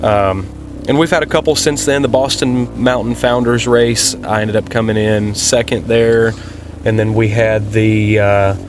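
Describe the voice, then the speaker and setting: A man's voice: lowish voice, steady tone, unhurried, background noise. A man giving casual, rambling vlog commentary about racing, in a folksy, laid-back way. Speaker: motovlogger and amateur off-road racer. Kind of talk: casual vlog commentary over race footage.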